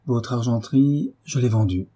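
A male reader voicing a dignified wife and mother who speaks gently but firmly. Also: mid-range voice, moderate pace, breathy edge, natural voice. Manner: gentle yet firm, dignified.

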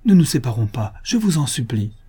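A man reading the part of a flustered, excitable male suitor who pleads and curses in an audiobook. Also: medium pitch, a little fast, slightly rough.

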